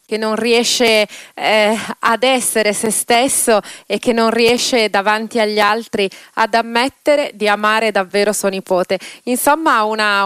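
A woman hosting a radio program, wrapping up the reading in a warm, reflective and thankful way. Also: a little high, smooth, dry recording. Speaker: radio host.

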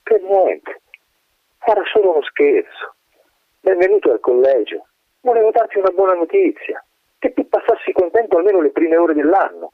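The wind as an old, loyal male spirit, as a man puts him on, lifted high above the reader's own deep voice. He pleads and coaxes tenderly in a radio drama reading. The sound is tinny and phone-like, with a husky edge. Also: expressive, normal speed, no echo. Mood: pleading.

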